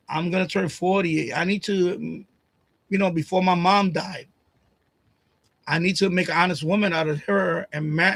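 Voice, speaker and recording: Ranting about his family from home, a livestream host in his late fifties rambles profanely, repeating phrases and raising his voice when he gets upset. His high voice has a sharp, husky tone. He uses a desk USB condenser microphone, and there is no room sound in the emotional, personal rant.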